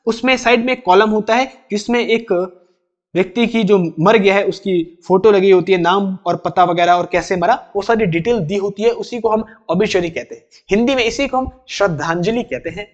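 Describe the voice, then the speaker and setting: A man's voice: sits high, dull audio. A man with an Indian accent teaching English vocabulary for exams, explaining each term in Hindi step by step and repeating the key words. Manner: reads English definitions slowly, then explains in Hindi. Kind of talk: exam-prep vocabulary lesson.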